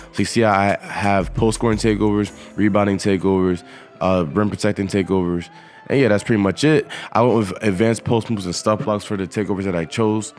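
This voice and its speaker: A man's voice: low voice, a little mellow. A young man casually walking through a basketball game build, laid-back and slangy, with a groggy morning voice. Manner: laid-back, slangy, repeats "you know". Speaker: gaming YouTuber.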